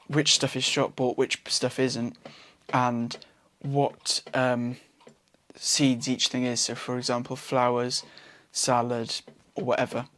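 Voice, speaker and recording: A young man from Wales giving a relaxed, chatty gardening how-to outdoors, with frequent ums and self-corrections. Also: medium pitch, no room sound. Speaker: gardening vlogger. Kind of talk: casual how-to vlog.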